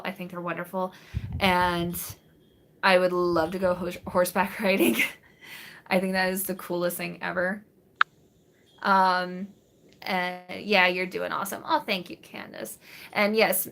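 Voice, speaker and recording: Chatting with viewers during a live stream, a vlogger in her late twenties rambles through replies to the chat, full of fillers and restarts. She's on a webcam in a small bedroom with a green wall behind her, and her voice is medium-pitched and somewhat bright.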